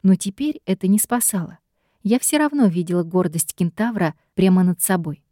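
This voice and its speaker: A woman reads first-person fiction aloud with expressive, ironic storytelling. Her voice is warm and mellow. The recording is dry and close. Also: on the low side, normal speed, dry recording. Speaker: audiobook narrator.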